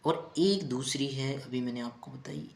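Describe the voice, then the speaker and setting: A man's voice: medium pitch, fairly even intonation, unhurried, a bit bright. A male teacher giving a grammar lesson, patiently repeating key terms and asking his students rhetorical questions. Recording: roomy echo.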